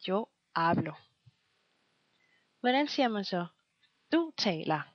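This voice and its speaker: A woman teaching a scripted language lesson, slowly and patiently quizzing the listener and pausing for answers. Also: medium pitch, sing-song, no room sound. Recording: dull lo-fi, dry recording.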